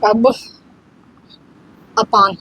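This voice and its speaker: A woman's voice: medium pitch, level tone, drawn-out words, bright, forceful tone, husky, low-quality recording. A young woman giving a casual online grammar lesson, often checking that students follow and dictating examples word by word. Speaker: English grammar teacher.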